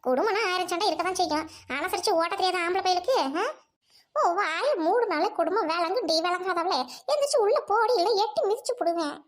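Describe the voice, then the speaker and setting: A woman doing a shrill scolding old mother-in-law. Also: a little fast. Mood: spiteful. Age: older. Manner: shrill, scolding, cackling insults. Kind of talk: family radio-play acting.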